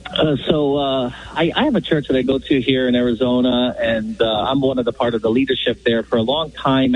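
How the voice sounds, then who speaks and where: A man calling in to a radio show over the phone, asking for advice in a halting, earnest way with many restarts. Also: mid-range voice, breathy edge. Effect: call-in phone line. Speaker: radio call-in caller. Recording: dull lo-fi phone-line audio.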